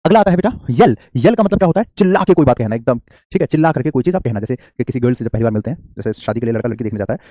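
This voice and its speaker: A man's voice: medium pitch, lively intonation, rapid-fire, few pauses, warm tone, no room sound, studio quality. A man teaching English vocabulary in a live online class, chatty and joking, calling his students "beta" and reading their comments aloud.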